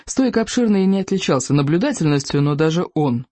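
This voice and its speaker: A narrator reads a children's book aloud with expressive storytelling. The delivery rises and falls widely. The recording is dry and close, with no room sound. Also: mid-range voice, brisk, no echo. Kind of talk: audiobook reading.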